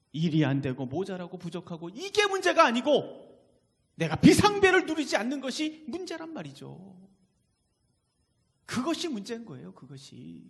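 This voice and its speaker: This pastor preaches emphatically, often turning to the congregation with questions. He speaks in a high voice with some vocal fry. The setting is a church sanctuary, and the hall's long reverb is audible.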